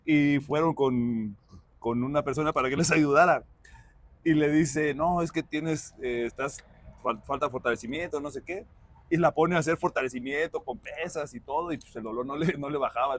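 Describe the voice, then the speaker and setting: A man with a Mexican Spanish accent hosting a casual interview, a lively storyteller who chuckles while telling anecdotes. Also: fairly high pitch, no room sound. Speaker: podcast host, former player.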